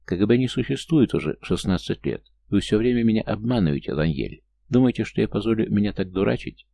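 A gruff, scornful former intelligence officer, as a male narrator reads him in an audiobook. The voice is low and gravelly, with a dark, heavy tone. He snaps his lines with open contempt. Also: expressive, a little fast. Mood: irritated.

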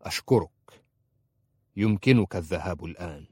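A man voicing an old, grieving male judge who speaks in few, quiet words. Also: sits low, normal speed, husky, no room sound, studio quality. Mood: weary. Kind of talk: audiobook character voice.

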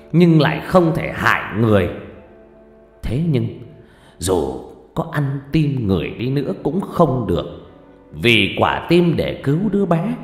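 A man voicing a gentle, dying old male sorcerer master who talks slowly and weakly, in a storybook narration. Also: medium pitch. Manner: slow, weak and drawn-out speech. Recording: roomy reverb with faint music.

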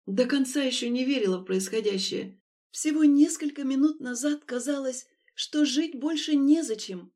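A woman narrating a romance audiobook in an expressive, dramatic reading. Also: high-pitched, normal speed. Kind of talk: scripted narration.

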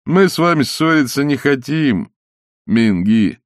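A man voicing a burly crowd leader of about thirty who speaks briskly and defiantly. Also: medium pitch, no room sound, clean studio sound, voice pushed up, lightly acted. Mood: demanding. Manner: brisk, lively, demanding.

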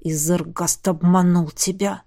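A woman's voice: medium pitch, moderate pace, close to an everyday voice. A woman reading the part of a jealous, hot-tempered young male shapeshifter who growls and sneers. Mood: angry.

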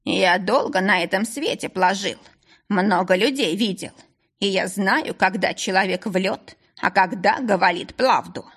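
A woman reads an older Chinese restaurant owner in a storybook audiobook, slow and deliberate, his Chinese accent swapping R for L. Husky and breathy in tone, he sounds stern on the surface yet kindly underneath. He weighs every word before he says it. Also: medium pitch, fairly bright tone. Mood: earnest. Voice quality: slow, measured, swaps R for L.

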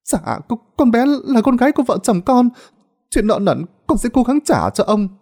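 A man's voice: sits high, very animated, fairly quick, a little mellow, pitched above the performer's own voice, heavily acted. A man voicing a timid middle-aged peasant woman in a storybook tale, stammering and begging. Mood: pleading.

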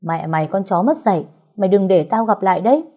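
A woman's voice: mid-range voice, expressive, moderate pace, breathy edge. Woman doing a crude, cursing male shop owner. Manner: shouting curses.

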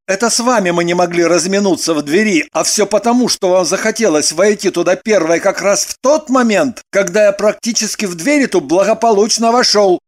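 A man's voice: high-pitched, brisk, hardly any pauses, close to an everyday voice. A man reading the part of a prim, self-important businessman in an audiobook, stiff and indignant.

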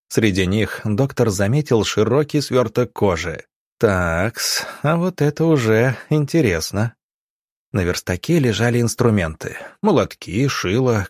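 Man, audiobook narrator, steady descriptive reading, low pitch, dry sound. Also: no room sound. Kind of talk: scripted narration.

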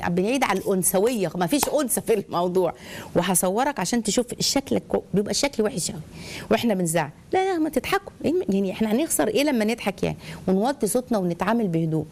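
A middle-aged woman with an Egyptian accent, giving family advice on a live call-in show in an animated way. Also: a little high. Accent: Egyptian Arabic. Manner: animated, acts out shouting voices in stories. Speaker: family counselor answering viewers.

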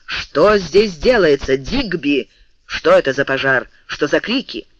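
Stern calm general, read by a man, measured and resonant, lively pitch, dull dry sound. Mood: commanding. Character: commanding calm male general, stern and ironic.

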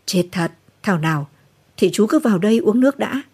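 A woman's voice: medium pitch, animated, fairly quick, a little mellow, slightly rough. A woman voicing a direct, questioning middle-aged tea seller. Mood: concerned.

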